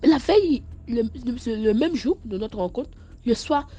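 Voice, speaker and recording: A woman's voice: on the high side, unhurried, a little hiss or hum. Stammering Ivorian woman telling her story. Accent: Ivorian French. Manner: stammering, repeats words; animated, scolding. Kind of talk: casual spoken testimony.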